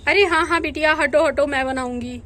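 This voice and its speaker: A bossy village aunt, voiced by a woman with a sharp tongue, who scolds her husband and orders others out of her way. Her voice sits high and clear in a doll storybook telling. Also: fairly quick, slight background noise.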